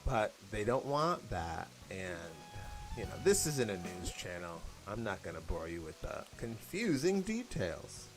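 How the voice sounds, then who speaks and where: A man's voice: on the low side, very animated, unhurried, soft background music. A young American man chatting casually and rambling while he plays a game, laughing now and then. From United States. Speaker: gaming vlogger.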